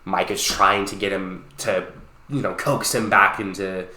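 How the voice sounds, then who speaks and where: A man in his late twenties co-hosting a podcast, retelling a game story in a casual, animated way and swearing freely. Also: sits low, measured pace, roomy sound. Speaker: podcast co-host. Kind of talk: casual chat.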